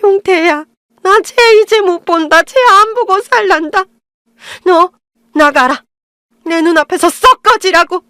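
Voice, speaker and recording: A woman reading as a shrieking older mother-in-law in a radio drama, her voice climbing high and sharp as she berates her daughter-in-law. The sound is dry and close, with no room around it. She turns from scolding to wailing self-pity. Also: measured pace, dry recording, full character voice.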